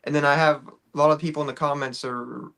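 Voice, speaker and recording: A young man who works as an auctioneer, chatting casually and telling stories in an animated way. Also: a little high, a little fast, creaky. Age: young adult. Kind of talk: casual chat.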